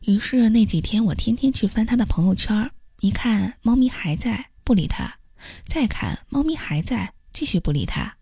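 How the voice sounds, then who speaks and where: A woman's voice: medium pitch, sing-song, normal speed, vocal fry, dark tone, slightly rough, dry recording, studio quality. A woman reading a first-person story aloud as a podcast host, with a wry, self-mocking manner.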